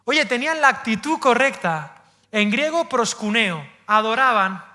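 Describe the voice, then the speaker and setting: Man from spain preaching, super high voice, really bright and sharp, goes loud then drops to a near hush. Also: unhurried. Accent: Spain Spanish. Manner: animated, swings between loud emphasis and hushed asides; addresses the congregation directly and playfully. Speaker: pastor. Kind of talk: sermon.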